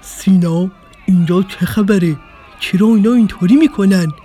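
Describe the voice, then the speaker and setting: A woman voicing a big, friendly, hungry male dinosaur in a children's storybook, calling out loudly. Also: medium pitch, a little hiss or hum, pitched below the performer's own voice, lightly acted. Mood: puzzled.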